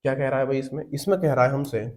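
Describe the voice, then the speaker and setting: A man's voice: medium pitch, quick pace. A man teaching an exam-prep lesson, explaining step by step and answering his own questions, often calling the listeners brother.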